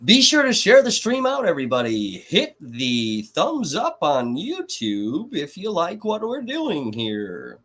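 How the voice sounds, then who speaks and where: A man putting on an upbeat, polished TV news reporter voice, using a bright, exaggerated announcer delivery. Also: fairly high pitch, wildly swooping pitch, measured pace, few pauses, voice pushed up, heavily acted. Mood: chipper.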